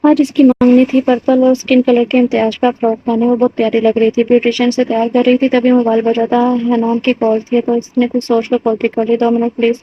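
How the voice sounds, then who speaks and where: A woman narrating a romance novel aloud in an even storytelling voice. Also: a little high, hardly any pauses. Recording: dull lo-fi, faint hiss.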